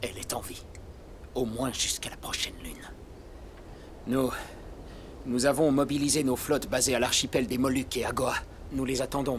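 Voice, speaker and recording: A man's voice: medium pitch, a little hiss or hum, lightly acted. A man playing a grave, formal admiral devoted to his duty in a dubbed film. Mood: grave, urgent. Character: grave, formal Chinese admiral sworn to protect a princess. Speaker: film voice actor. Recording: film soundtrack with music behind.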